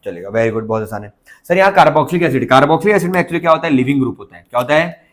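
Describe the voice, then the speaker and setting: A man's voice: a little high, lively intonation, quick pace. A man teaching a chemistry lesson, constantly checking whether his students understood. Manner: coaxing, keeps asking students if they understood. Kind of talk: classroom lecture.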